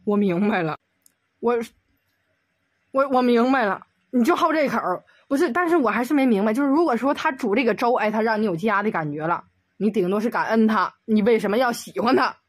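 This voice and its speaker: A woman's voice: a little high, animated, no room sound, clean studio sound. Exasperated woman ranting. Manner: exasperated, rapid rhetorical questions. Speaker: video commentator. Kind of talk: comedic rant.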